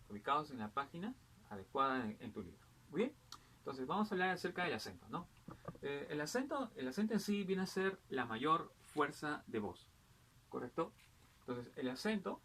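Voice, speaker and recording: A man's voice: fairly high pitch, fairly bright tone. Man teaching, forever asking "¿correcto?". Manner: keeps asking "¿correcto?" and "¿no?", many "eh" and "este" fillers; addresses the student directly in a patient explaining tone. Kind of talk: school grammar lesson.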